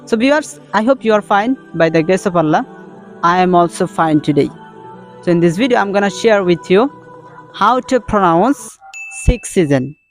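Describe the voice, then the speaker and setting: A man's voice: sits high, animated, normal speed, faint music behind. A man from Bangladesh with a Bangladeshi accent, a Bengali speaker teaching English pronunciation in a casual lesson, repeating each word several times.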